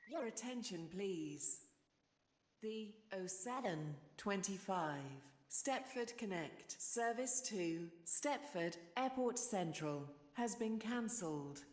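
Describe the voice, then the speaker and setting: A woman voicing a slow station loudspeaker announcer. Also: mid-range voice, lively intonation, roomy sound, long reverb tail. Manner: slow, measured, formal delivery. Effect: station loudspeaker announcement after a chime. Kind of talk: recorded railway platform announcements.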